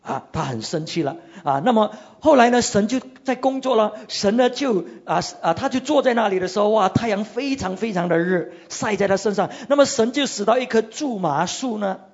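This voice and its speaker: Preacher retelling a scripture story, husky and animated, on muffled lo-fi audio. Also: mid-range voice, moderate pace, hardly any pauses. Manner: animated storytelling with frequent "ah" fillers. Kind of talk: sermon.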